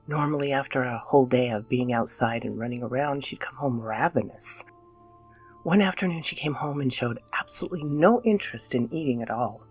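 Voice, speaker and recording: In a dramatic scripted horror narration, a woman voices an anxious mother consumed by guilt. Her bass voice is heavily acted and theatrical, sinking at times into breathy near-whispers.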